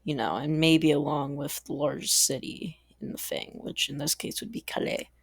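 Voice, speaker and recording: A man's voice: on the high side, fairly even intonation, moderate pace, gravelly, dry recording, clean studio sound. A man giving casual, rambling commentary over a strategy game, chatty and full of asides, little laughs and mild exasperated swearing. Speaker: gaming channel host.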